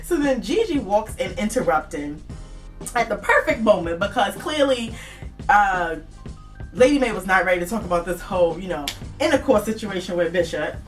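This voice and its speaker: A woman's voice: mid-range voice, animated, normal speed, far from the mic, faint music behind. A woman casually recapping a TV episode in a chatty, dramatic way, talking straight to her viewers. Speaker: TV recap vlogger.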